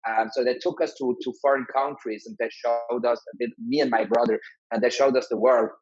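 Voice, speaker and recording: Husky man on a call. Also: medium pitch, steady tone, fairly quick, no room sound, dull audio. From Switzerland. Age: 30s. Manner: friendly, many restarts and fillers. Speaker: guest, digital nomad entrepreneur. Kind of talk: casual interview talk.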